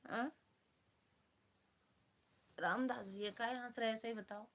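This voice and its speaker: A woman's voice: fairly high pitch, steady tone, unhurried. A woman with an Awadhi accent chatting casually on a live stream from her phone at home, teasing viewers by name while she is feverish. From Uttar Pradesh, India. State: feverish, has a headache.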